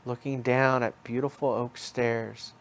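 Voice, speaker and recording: Soothing the listener the way a hypnosis practitioner would, this man guides an imagery session, cycling back to the same phrases in a trance-like rhythm. His mid-pitched voice stays level and a little slow, and the recording quality is low.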